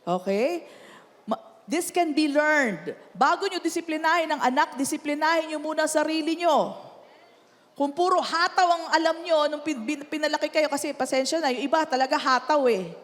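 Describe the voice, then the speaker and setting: A woman pastor with a Filipino accent preaching a lively sermon, chatty and animated, often laughing and asking "Amen?". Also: sits high, normal speed. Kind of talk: sermon mixing Tagalog and English. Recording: long hall reverb.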